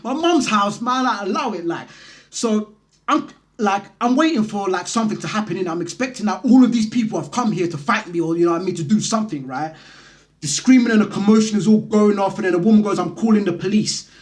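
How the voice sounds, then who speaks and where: Speaking fast in a high-pitched voice, this vlog host from London tells a personal story. His delivery is conversational, full of slang, and lively.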